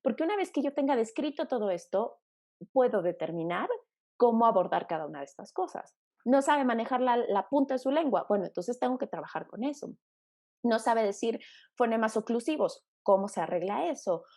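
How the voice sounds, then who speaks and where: A woman's voice: on the high side, animated, fairly quick, dark tone. A woman speech therapist teaching an online class, emphatic and repetitive, asking and answering her own questions. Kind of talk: online lecture.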